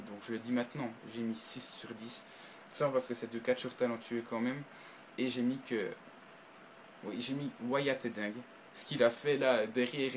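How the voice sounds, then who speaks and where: Hesitant, excitable man reviewing. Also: medium pitch, a little hiss or hum, low-quality recording. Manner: hesitant, frequent restarts and fillers, bursts of excitement. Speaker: video reviewer. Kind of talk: casual spoken review to camera.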